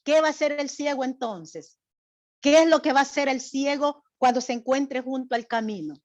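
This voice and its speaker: A woman's voice: high voice, moderate pace, darkish tone, dry recording, dull audio. A woman church teacher giving a Bible lesson and directing a drama, quizzing her group and often checking with "right?". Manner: asks the group questions, often adds "right?".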